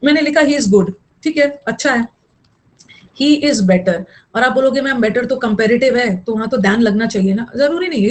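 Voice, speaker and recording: A woman's voice: on the high side, low-quality recording. Chatty woman teaching grammar. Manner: chatty, scolding asides mixed with explanation. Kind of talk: online class lecture.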